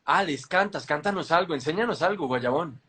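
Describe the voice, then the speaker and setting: A man hosting a casual live chat interview, halting and often repeating his words. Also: a little high, lively intonation, bright, forceful tone. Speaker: interviewer and host.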